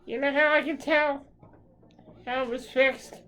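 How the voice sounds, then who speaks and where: Angry woman fan, profane rant to camera, slow-paced, a bit high-pitched. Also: steady tone, fairly bright tone, poor audio. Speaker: hockey fan.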